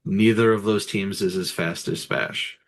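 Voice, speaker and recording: Lowish-voiced man reciting sports stats. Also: steady tone, unhurried, slight background noise. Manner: matter-of-fact, enumerating. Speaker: sports commentator. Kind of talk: casual sports talk with statistics.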